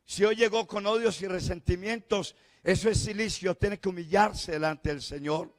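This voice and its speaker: A middle-aged Colombian man preaching a sermon as pastor, swinging between fervent shouts and hushed, tender passages. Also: sits high, moderate pace. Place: large church hall. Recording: long church-hall reverb.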